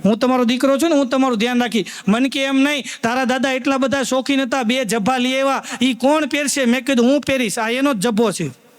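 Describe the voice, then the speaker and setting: A man performs live stand-up. His voice sits very high, and he tells homely stories, slipping into the voices of the old people in them. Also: fast talker. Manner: folksy storyteller addressing the audience as sir, acting out old folks. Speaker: stand-up comedian.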